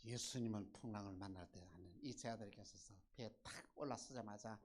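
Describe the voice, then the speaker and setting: A pastor preaching a storytelling sermon. The pastor keeps asking the congregation rhetorical questions and swings from loud exclamations to hushed near-whispers. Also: mid-range voice, fast talker.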